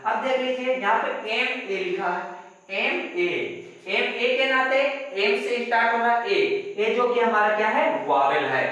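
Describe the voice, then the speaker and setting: A man's voice: extremely high pitch, expressive, a little slow, sharp tone. A man teaching a grammar lesson step by step, spelling words letter by letter and asking rhetorical questions. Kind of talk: classroom-style grammar lesson. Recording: very echoey room, voice from a distance.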